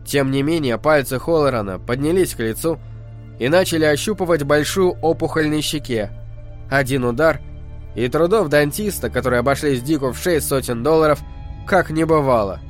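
A man reading a novel aloud as narrator, with measured, expressive storytelling. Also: fairly high pitch, faint music behind. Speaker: audiobook narrator. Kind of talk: scripted narration.

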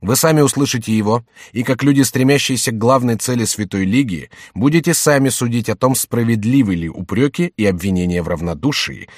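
A commanding, scheming noble duke addressing a secret gathering in solemn, persuasive tones, as a male narrator puts him on. The voice sits a little higher and louder than the reader's plain narration. The recording is dry and close, with no room sound. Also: no room sound. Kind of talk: audiobook reading.

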